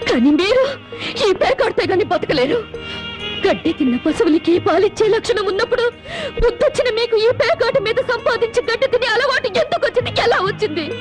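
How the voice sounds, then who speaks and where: A wronged young wife, her voice very high and swinging widely as she lashes out with bitter, tearful sarcasm. Film music plays behind her. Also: animated, fast. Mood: bitter accusing. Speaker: film actress. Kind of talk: melodramatic film dialogue. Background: film score music.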